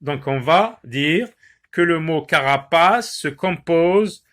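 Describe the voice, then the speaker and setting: A male teacher giving a lesson on syllables, repeating words slowly and pausing often with hesitations. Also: on the high side, lively intonation, a bit bright. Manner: slow, drawn-out word repetitions with many "euh" pauses. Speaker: primary school teacher.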